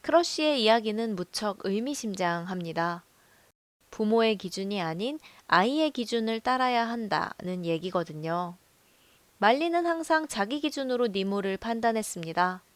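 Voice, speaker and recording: A woman narrating a film review in a calm, measured storytelling voice. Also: medium pitch, no echo. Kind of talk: scripted voice-over narration.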